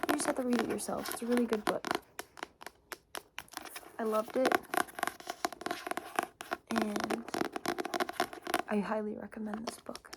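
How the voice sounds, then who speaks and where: A woman chatting casually and softly in an ASMR style about things, rambling and hesitant, in an informal way. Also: on the high side, steady tone, measured pace, long pauses. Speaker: ASMR book reviewer. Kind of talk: soft casual ASMR chat. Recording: noisy, with clicking and shuffling handling sounds. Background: tapping and scratching on books.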